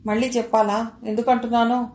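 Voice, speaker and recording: A woman's voice: a little high, level tone, brisk, a little mellow, lightly acted. Suspicious older mother-in-law, as a woman reader puts her on. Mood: scolding. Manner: scolding, accusing. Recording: roomy echo.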